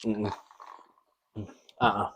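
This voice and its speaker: A man's voice: drawn-out words, a bit bright. A man co-hosting a casual podcast, teasing his partner in wry banter while tasting drinks. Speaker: podcast co-host. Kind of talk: casual chat.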